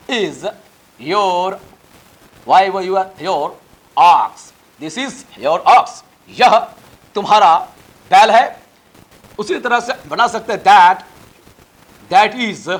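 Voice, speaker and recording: A man with a fairly high voice and an Indian accent teaching an English lesson. He spells out each word letter by letter and stretches his English example sentences slowly. He presses his students to learn the material by heart. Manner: lecturing, exhorting students to memorize. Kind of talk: spoken English lesson in Hindi.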